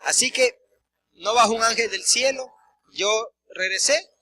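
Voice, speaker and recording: A man's voice: very high voice, measured pace, pushed and bright. A man, a pastor preaching a sermon, telling personal stories and addressing the congregation directly. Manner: acts out quoted dialogue, addresses congregation directly. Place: church service.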